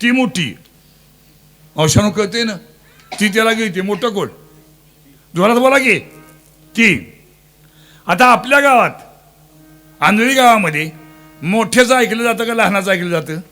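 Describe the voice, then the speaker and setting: A man's voice: sits high, measured pace, long pauses, sharp tone, soft background music. A man preaching a devotional kirtan, teasing and quizzing his listeners and breaking into sung verses. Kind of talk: Marathi devotional kirtan sermon.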